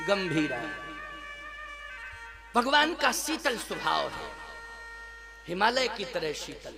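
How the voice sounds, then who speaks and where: A high-pitched man preaches in slow, deliberate phrases, chanting verses and pausing to put rhetorical questions to his listeners. Instrumental music plays clearly behind him throughout the devotional sermon. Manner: rhetorical questions to the audience, chants scripture lines. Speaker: spiritual preacher.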